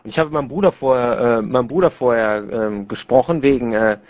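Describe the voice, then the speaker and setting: A man's voice: mid-range voice, fairly quick. Rambling young man on muffled voice chat. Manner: rambling, many fillers and restarts. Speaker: gamer in voice chat. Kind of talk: casual crude storytelling.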